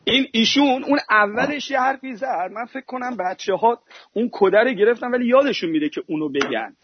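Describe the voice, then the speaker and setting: A man's voice: very high-pitched, expressive, breathy edge, dry recording. A man from Iran calling in to a talk show, arguing hard and telling stories to make his point. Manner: argumentative, tells stories fast. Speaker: caller. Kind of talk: heated call-in chat. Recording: dull dry call-in audio.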